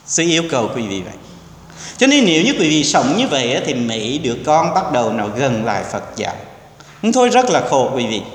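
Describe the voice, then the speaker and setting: A man, a Buddhist monk, giving an earnest, exhorting sermon to a temple congregation, now and then dropping in English words. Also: fairly high pitch. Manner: earnest, exhorting, acts out quoted speech. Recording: echoey hall with long reverb.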